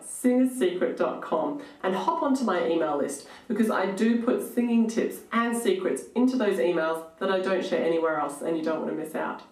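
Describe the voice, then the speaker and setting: A woman's voice: medium pitch, a little mellow. A woman in her thirties giving an instructional singing lesson to camera in an encouraging, coaching way. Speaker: singing coach, host of an online tutorial show. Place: small home room, indoors. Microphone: microphone on boom stand, close in front. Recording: roomy echo, somewhat distant from microphone. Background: electronic keyboard notes at times.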